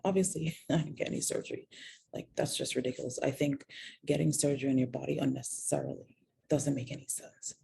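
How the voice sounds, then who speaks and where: A woman's voice: extremely low pitch, fairly even intonation, quick pace, creaky, mellow, breathy edge. A woman candidly recounting a personal story, reflective and self-mocking.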